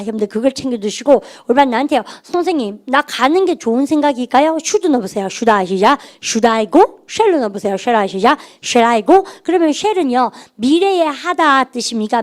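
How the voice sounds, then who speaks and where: A middle-aged woman teaching an English grammar class, animated and having students repeat phrases after her. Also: sits high. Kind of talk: classroom lecture.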